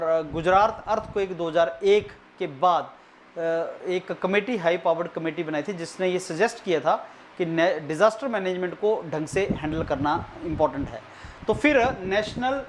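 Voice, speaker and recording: Exam coach, mid-pitched, deliberate delivery with hesitations, repeats key terms, online lecture. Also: a little hiss or hum. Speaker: exam prep tutor.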